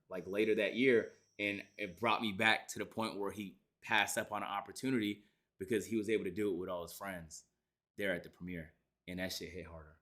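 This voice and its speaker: A man's voice: lowish voice, fairly bright tone. A man giving a casual reaction in loose street slang with some swearing, as a streamer does.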